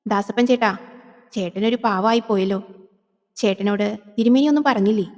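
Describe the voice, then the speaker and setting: A woman voicing a vengeful, seductive female yakshi spirit in a horror audio drama, coaxing slowly and intimately. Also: medium pitch, a little mellow, long reverb tail, natural voice. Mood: luring.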